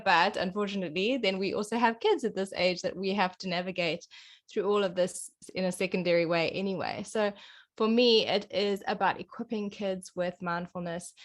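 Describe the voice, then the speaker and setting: A woman in her thirties with a South African accent, a coach speaking earnestly and with enthusiasm as a podcast guest. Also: on the low side. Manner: earnest, enthusiastic, laughs between points. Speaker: podcast guest, yoga and self-love coach. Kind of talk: casual interview answers.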